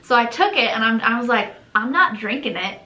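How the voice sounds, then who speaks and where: A young woman co-hosting a channel, telling a story in a casual, animated way, acting out quotes and laughing often. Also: a little high, a little fast. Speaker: channel co-host. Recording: echoey room.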